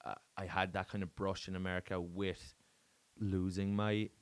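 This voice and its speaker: An Irish man, a guest comedian, in casual podcast chat, loud and jokey and swearing freely. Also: low-pitched, flat delivery, moderate pace. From Ireland. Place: podcast studio.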